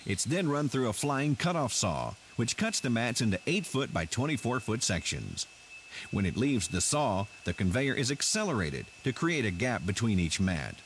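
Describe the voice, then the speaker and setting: A man reading a scripted industrial plant tour as narrator, in a measured, explanatory way. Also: medium pitch, a little hiss or hum.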